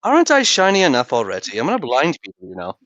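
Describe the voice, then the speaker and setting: A man's voice: mid-range voice, wildly swooping pitch, quick pace, a bit bright, dry recording. A man playing a tabletop game, chatting casually with playful, teasing banter, on slightly muffled audio.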